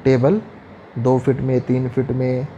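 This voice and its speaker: A man in his thirties talks straight to camera, explaining and listing items in a steady, instructive manner. His voice is mellow and somewhat dark, at a middle pitch for a man. It is picked up close by a lapel mic in a small indoor room. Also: unhurried, muffled recording, slight background noise. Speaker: restaurant equipment seller.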